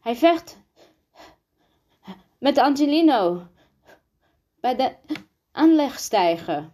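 A bold, quick-witted young girl from a storybook, as a woman reader puts her on. Her lines come out urgent and breathless, set a little lower than a child's voice and spoken slowly. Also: a little mellow. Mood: alarmed.

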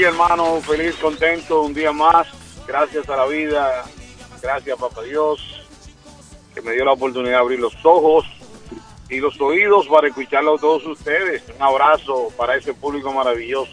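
A man co-hosting a radio show, chatting in a warmly effusive, grateful way. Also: mid-range voice, fairly even intonation, moderate pace, soft background music. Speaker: radio co-host. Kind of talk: casual radio chat.

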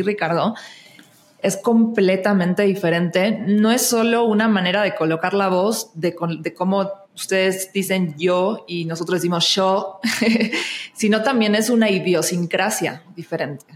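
An Argentine woman speaks with a Mexican Spanish accent, a little low in pitch. She talks animatedly as a podcast guest and laughs often. The room around her is echoey. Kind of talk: casual podcast conversation.

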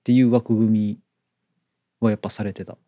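A podcast co-host from Kansai, Japan, whose accent blends Kyoto and Kobe speech, chats casually, frequently repeating short words of agreement. His voice is lowish and level at a normal speed, and the recording is dry and dull.

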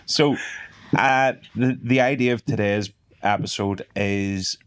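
A man's voice: lowish voice, fairly even intonation, takes it slowly, smooth. A Northern Irish man hosting a casual podcast chat with sweary, bantering talk. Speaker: podcast host.

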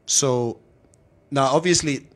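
A man's voice: mid-range voice, slow pace, a bit bright. A man hosting a casual, opinionated discussion, slipping in Afrikaans phrases. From South Africa. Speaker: talk show host.

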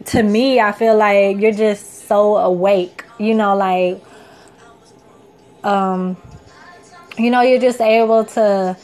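A woman's voice: mid-range voice, steady tone, takes it slowly, pauses often, a little mellow. A woman in her twenties hosting a casual self-help podcast, talking in an earnest, encouraging, rambling way full of "you know" and "like". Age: 20s. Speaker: podcast host.

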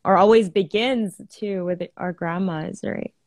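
A woman hosting a live online conversation about spirituality, affirming her guest often and pausing with "um". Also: medium pitch, no room sound. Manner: warm-hearted, affirming, many "um"s. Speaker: host of a live video chat.

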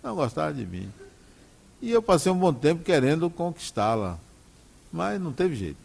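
A man's voice: a little high, big pitch swings, moderate pace, gravelly, a little mellow, breathy edge. A middle-aged Brazilian man with a Brazilian Portuguese accent, giving a conversational spiritual talk illustrated with personal stories. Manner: conversational, often asks "né?" to the audience. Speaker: spiritist speaker.

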